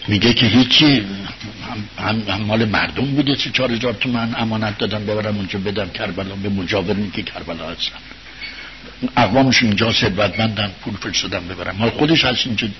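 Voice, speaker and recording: A man giving an informal religious talk, telling a story to his listeners in a conversational way, rising to loud bursts and sinking to quiet murmurs. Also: on the low side. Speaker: religious speaker addressing an audience. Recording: dull lo-fi recording with faint hiss.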